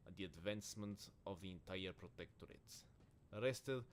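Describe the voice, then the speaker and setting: A man's voice: low-pitched, moderate pace, slight background noise, close to an everyday voice. A man voicing a stern, proud older male seneschal and former navy officer, who speaks in a formal, reproachful way. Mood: earnest.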